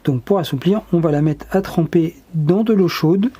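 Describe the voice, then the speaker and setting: A laid-back workshop tutorial host talks through a repair job step by step. The voice is mellow and a little dark, at an everyday mid pitch. The delivery is easygoing and halting, with frequent filler pauses. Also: husky. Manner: relaxed, hesitant, many filler pauses.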